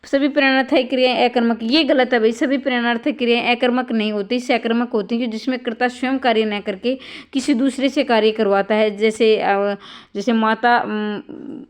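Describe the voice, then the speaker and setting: Woman teacher, kinda high voice, going thru exam answers, keeps saying theek hai. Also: steady tone, moderate pace, clear, resonant tone. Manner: talks students through each answer, often adds "bhai" and "theek hai". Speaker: Hindi exam tutor.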